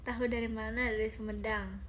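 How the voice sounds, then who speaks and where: A woman's voice: a little high, level tone, fairly quick, slight background noise. A young woman chatting casually on a phone live stream from home, giggly and reading viewer comments aloud. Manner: chatty and giggly, often addresses viewers as guys.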